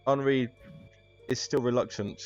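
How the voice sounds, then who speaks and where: A man's voice: medium pitch, fairly even intonation, a little slow, darkish tone. A man narrating a tabletop role-playing game as its game master. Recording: dull recording with background music.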